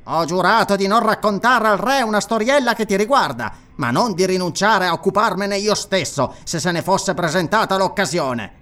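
A man's voice: high-pitched, lively intonation, normal speed, hardly any pauses, sharp tone, pitched above the performer's own voice. A man voicing a sly, mocking, treacherous priest in an audiobook, with a sneering, ironic delivery. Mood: gloating.

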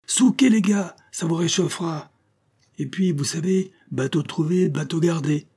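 Vieux loup de mer grognon, argot de matelot, timbre voilé, joué par un homme. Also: male voice, on the high side, normal speed, dark tone, voice pushed up. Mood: gruff, bossy. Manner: barking orders, rough sailor slang. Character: gruff bold old male sea captain.

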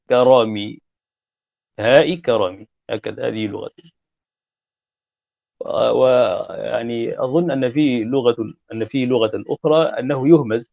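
A man giving a classroom grammar lecture, repeating and spelling out word forms deliberately. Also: mid-range voice, creaky, no room sound. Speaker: grammar teacher. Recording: dull lo-fi recording.

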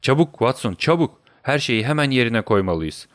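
Man reading as a commanding, brisk detective. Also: mid-range voice, animated, fairly bright tone, no echo, studio quality, close to an everyday voice. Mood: urgent. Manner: brisk and directive. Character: sharp, commanding male detective, middle-aged.

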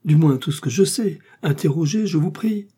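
A man's voice: animated, normal speed, warm tone, slightly rough. A man doing a frightened pleading shopkeeper. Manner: pleading, protesting, rising pitch. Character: frightened anxious middle-aged male shopkeeper.

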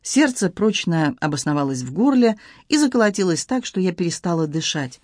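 A woman narrating a first-person novel in a lively, ironic storytelling manner. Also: on the low side, brisk, dry recording, studio quality. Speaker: audiobook narrator.

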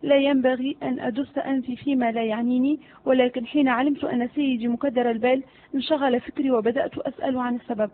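A woman reading the part of a cunning male servant who flatters his master. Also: sits high, fast talker, slight background noise, natural voice. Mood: sly. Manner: flattering, sly. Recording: phone-like narrow audio.

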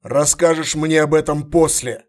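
Male reader doing a cold curt emperor, firm commands, slightly high voice, audiobook. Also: fairly even intonation, a little mellow, natural voice. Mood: stern. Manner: curt, commanding, measured orders. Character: stern, commanding middle-aged male emperor.

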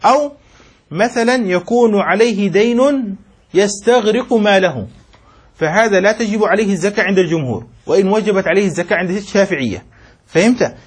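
A man sheikh teaching a classroom commentary on a text, with a husky, slightly breathy voice pitched fairly high. He reads a line, then unpacks it in plain talk. He keeps asking short questions to check that students follow. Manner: reads a passage, then explains it; mixes formal speech with colloquial asides. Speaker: sheikh teaching Islamic jurisprudence.

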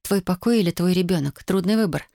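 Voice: mid-range voice, gravelly, mellow, dry recording, clean studio sound, lightly acted. A narrator voicing an earnest, proud young woman who pleads and argues in an audiobook reading. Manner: pleading, earnest, quick when upset. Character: young woman, tender but proud and hurt.

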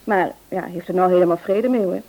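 A woman with a lowish, mellow voice plays Annie, an eager and dutiful grown-up married daughter, in a radio play, with light acting and a fast delivery. She comes across as earnest, chatty and polite, growing hesitant when she asks for favours. The audio quality is poor.

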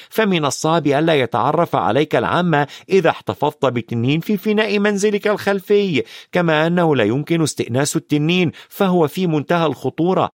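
A man voicing an eager young boy wizard who talks in a lively, animated way in a storybook reading. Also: on the high side, dry recording, studio quality, voice pushed up, close to an everyday voice.

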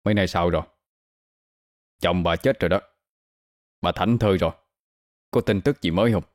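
A man's voice: deep voice, moderate pace, lightly acted. Man voicing a sly henchman, stammering, horror story. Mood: menacing. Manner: stammering when frightened.

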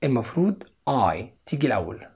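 Young Egyptian man, patient video English teacher, breathy voice, mid pitch. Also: sing-song, fast, darkish tone. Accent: Egyptian Arabic. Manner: explains step by step, repeats each English word twice. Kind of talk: video lesson.

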